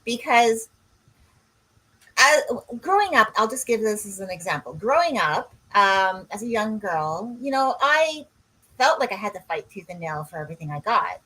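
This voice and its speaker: A woman's voice: medium pitch, big pitch swings, moderate pace, pushed and bright, rough recording. A woman, a coach co-hosting a podcast in casual chat, rambling and drifting off on tangents. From Canada. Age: 60s.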